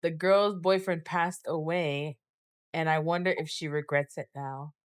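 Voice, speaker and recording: A woman's voice: deep voice, measured pace, clean tone, no echo, clean studio sound. A young woman co-hosting a podcast, telling stories in a casual chat and laughing often. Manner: animated storytelling, laughs often. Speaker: podcast co-host.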